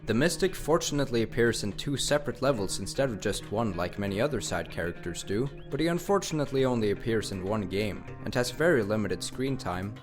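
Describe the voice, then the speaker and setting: Lower-voiced male YouTuber, scripted ranking voice-over, casual, faint music bed. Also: expressive, brisk, few pauses. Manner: enthusiastic, casual slang. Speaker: video game YouTuber. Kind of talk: scripted countdown narration.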